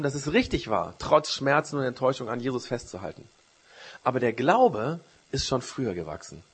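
A man with a breathy edge preaches a sermon, retelling a Bible story with a storyteller's rise and fall and dropping low for quoted words.

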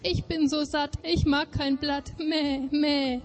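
A woman's voice: high-pitched, flat delivery, measured pace, soft background music. A woman doing a bleating sly goat. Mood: smug. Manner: bleating sing-song rhymes. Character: hungry, deceitful nanny goat bleating.

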